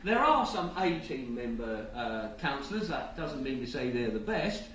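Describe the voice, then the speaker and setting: A man giving a rushed live lightning talk with wry asides, stumbling and repeating words as he goes. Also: mid-range voice, very animated. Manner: halting, with stammered word repeats. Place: indoor event room with an audience. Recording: echoey noisy room, distant mic.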